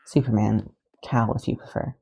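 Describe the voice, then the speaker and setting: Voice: medium pitch, fairly even intonation, normal speed, gravelly, warm tone, slightly rough. A podfic reader voicing Superman, a cheerful male superhero who jokes and teases. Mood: teasing. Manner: joking, teasing.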